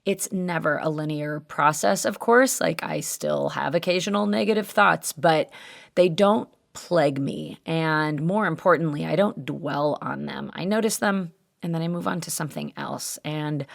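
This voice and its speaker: A woman in her fifties hosting a solo podcast in a conversational, candid way, her voice very gravelly and hoarse from cheering. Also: sits low. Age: 50s. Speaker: podcast host.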